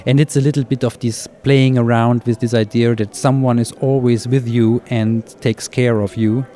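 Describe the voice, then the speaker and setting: A male artist speaks in an interview, explaining his ideas in a thoughtful, loosely worded way. His voice is mellow and warm in tone. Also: mid-range voice, little pitch movement, normal speed. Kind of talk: interview answer.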